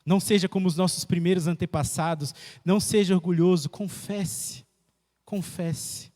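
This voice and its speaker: Pastor preaching hard, highish voice, lots of repeating, echoey church. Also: male voice, steady tone, normal speed. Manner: emphatic preaching with repetition and sharp pitch swings. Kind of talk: sermon. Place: church sanctuary.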